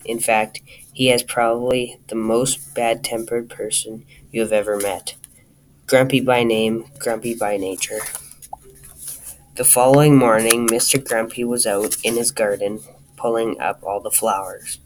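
A man reading a children's storybook aloud, talking straight to the listener in a lively way. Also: medium pitch, unhurried, a little hiss or hum, rough recording. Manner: lively, addresses the listener directly.

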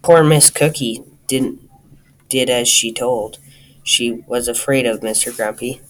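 A man reading a children's storybook aloud, talking straight to the listener in a lively way. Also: medium pitch, measured pace, a little hiss or hum, poor audio. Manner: lively, addresses the listener directly.

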